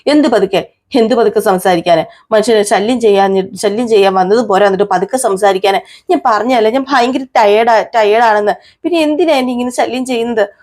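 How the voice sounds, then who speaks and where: ഒരു സ്ത്രീ, ഉറക്കം കളഞ്ഞതിന് ദേഷ്യപ്പെടുന്ന ഒരു യുവഭാര്യയായി ശബ്ദം നൽകുന്നു, അസ്വസ്ഥമായി പൊട്ടിത്തെറിക്കുന്നു. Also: female voice, medium pitch, a little fast, a little mellow, natural voice. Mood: irritated. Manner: irritated, snapping. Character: sleepy, cranky young wife.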